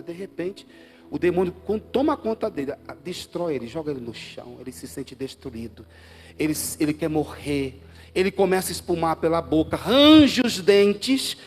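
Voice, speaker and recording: Brazilian pastor preaching, loud bursts and hushed asides. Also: male voice. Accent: Brazilian Portuguese. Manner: swings between loud emphatic bursts and low quiet asides. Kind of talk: Easter Sunday sermon. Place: church. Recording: live church audio with faint music.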